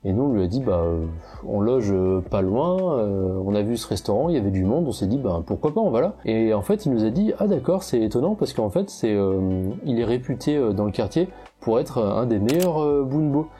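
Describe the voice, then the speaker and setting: A young man with a strong French accent tells his travel stories in a loose, chatty way, full of hesitations and restarts. His voice is very dark and mellow. Faint music plays under him. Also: medium pitch, very animated, brisk. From France. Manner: chatty, many fillers and restarts. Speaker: travel photographer vlogger. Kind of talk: casual travel storytelling.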